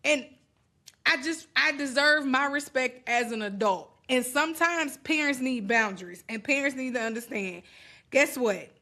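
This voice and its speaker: This is a woman co-hosting a podcast panel, with a high voice and a bright, sharp tone. She speaks firmly and directly, laying out each point plainly. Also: expressive, moderate pace. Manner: firm, direct, emphatic about boundaries. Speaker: podcast co-host. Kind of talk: casual panel discussion.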